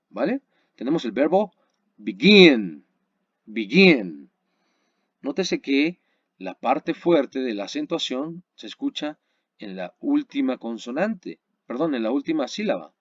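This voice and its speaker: A man leads a grammar webinar, explaining step by step and checking in with his listeners. His voice is lively and animated. The sound is dry and a little dull. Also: mid-range voice, no room sound. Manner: explains patiently, checks in with "¿sale?" and "¿vale?"; slows down to spell and model English words. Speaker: English teacher.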